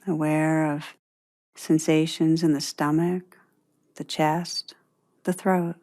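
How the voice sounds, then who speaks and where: This woman's deep voice keeps a level tone as she leads a guided meditation. She speaks gently and deliberately, with roomy pauses separating each phrase.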